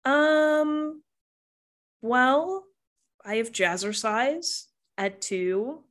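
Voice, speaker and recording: A woman's voice: high voice, animated, drawn-out words, a bit bright, voice pushed up, full character voice. A woman voicing a responsible, weary adult cousin, patient and mildly exasperated.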